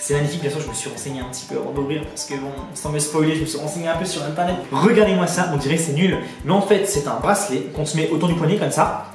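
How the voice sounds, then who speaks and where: A man talks rapidly and eagerly into a headset, calling his viewers his friends as he unboxes things. His voice comes across distant in a very echoey room, with music playing underneath. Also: on the high side. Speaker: YouTuber. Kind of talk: casual unboxing chat. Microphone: borrowed headset.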